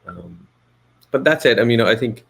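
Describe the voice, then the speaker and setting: A man's voice: mid-range voice, expressive, normal speed, gravelly, husky. A man from Finland, a Finnish speaker, talking in a podcast interview as a guest, thoughtful and hesitant with many fillers and restarts. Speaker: guest, photo editor.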